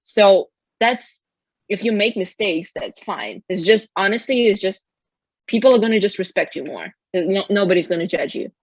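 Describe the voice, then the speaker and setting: A woman's voice: medium pitch, normal speed, breathy edge, dry recording. Woman co-host, casual and encouraging, dry close sound, slightly dull audio. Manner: earnest, encouraging, many fillers. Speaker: podcast co-host. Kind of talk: casual podcast chat.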